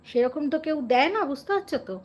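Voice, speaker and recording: A high-pitched woman from West Bengal talks to her live-stream viewers in a loose, conversational way. She is earnest and chatty and keeps asking them questions as she goes. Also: lively intonation, quick pace.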